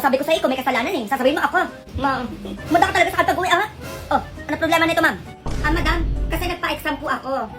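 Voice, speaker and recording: A woman from the Philippines performing sassy, scolding comedy skit dialogue. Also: sits high. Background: background music.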